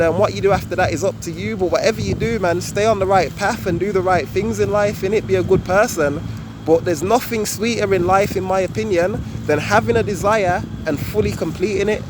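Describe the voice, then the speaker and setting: A man giving an informal, repetitive explanation to camera, often tagging phrases with a slangy address. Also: sits high. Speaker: video tutorial presenter. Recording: loud outdoor ambient noise.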